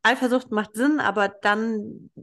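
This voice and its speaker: A woman's voice: on the high side, steady tone, measured pace, a bit bright. A woman hosting a podcast, chatting in an agreeable, reflective way and asking questions. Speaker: podcast host. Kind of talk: casual podcast chat.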